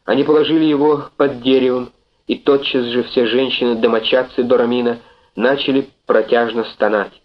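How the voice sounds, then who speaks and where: A man's voice: medium pitch, steady tone, moderate pace. Man narrating a classic novel, lo-fi. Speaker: audiobook narrator. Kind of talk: scripted literary narration.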